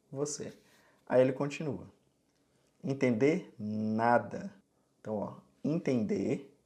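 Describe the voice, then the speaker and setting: A man's voice: medium pitch, mellow. A man from Brazil giving a casual sign language lesson, explaining step by step and often checking in with the viewer. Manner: chatty, explains step by step, frequent "tá bom?" check-ins.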